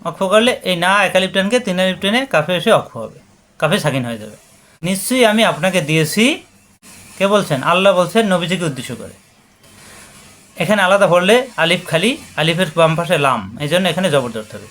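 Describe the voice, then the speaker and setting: High-voiced man teaching recitation. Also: lively intonation, fairly bright tone. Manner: patient, repetitive drilling of syllables, slows and sings out recitation. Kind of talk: word-by-word tajweed lesson, spoken explanation with chanted recitation.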